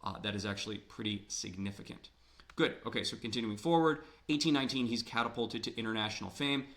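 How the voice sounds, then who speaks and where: A man from Ohio, USA, gives a literature lecture conversationally, tossing out rhetorical questions and repeating words for emphasis. His voice is lowish, fast and a bit bright, and sounds a little worn as though he's slightly losing it.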